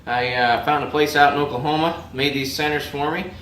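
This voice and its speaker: A laid-back man talks a viewer around a project, his voice worn hoarse from a cold. His delivery rambles along with plenty of "uh" and "you know". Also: a little high, steady tone, fairly quick, fairly bright tone, a little hiss or hum. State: has a cold, voice going hoarse. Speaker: vlogger. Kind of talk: casual walkaround vlog.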